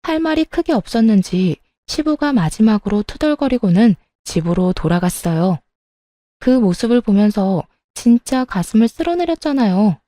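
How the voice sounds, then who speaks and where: Mellow woman reading a confiding story. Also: a little high, normal speed, dry recording. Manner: calm, even confiding storytelling. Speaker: story narrator. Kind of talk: scripted first-person story narration.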